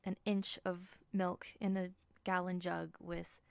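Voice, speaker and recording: A young adult woman hosting a podcast, telling a personal story in a soft, reflective way that often drops to a whisper. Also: on the low side, flat delivery, slow pace, gravelly, smooth, no room sound. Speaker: podcast host.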